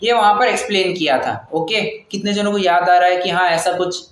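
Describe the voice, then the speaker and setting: A man teaching a scripture class, patiently explaining how to pronounce each verse and chanting the lines slowly. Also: high voice, a bit bright, roomy sound.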